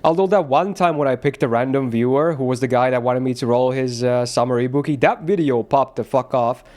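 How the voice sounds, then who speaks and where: Male streamer, casual chat, rambling, laughs a lot, mid-pitched voice. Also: a little fast, darkish tone. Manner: loose, rambling, laughs often, swears casually.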